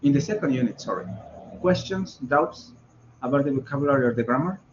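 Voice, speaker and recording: A man's voice: mid-range voice, animated, moderate pace. A man teaching an online English class, explaining patiently in Mexican-accented English and Spanish, with many fillers and repetitions. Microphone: video call. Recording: slightly muffled video call audio with faint noise.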